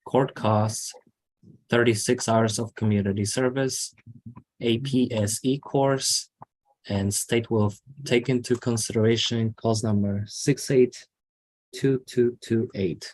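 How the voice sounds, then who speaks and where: A man's voice: mid-range voice, steady tone, slow pace, a little mellow, poor audio. An American man speaking formally in court as a prosecutor, stating case details and terms.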